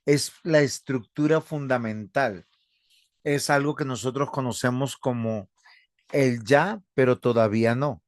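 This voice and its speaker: A man, a pastor teaching a seminary theology class, speaking in a measured, earnest way and addressing his students as brothers. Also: medium pitch, no echo, clean studio sound. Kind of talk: online theology lecture with class discussion.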